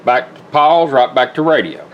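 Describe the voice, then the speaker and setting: A man demonstrating a product, a car radio restorer by trade, keeps things casual, hands-on and folksy. His medium pitch swings widely at a normal speed, and the dull audio has music running underneath.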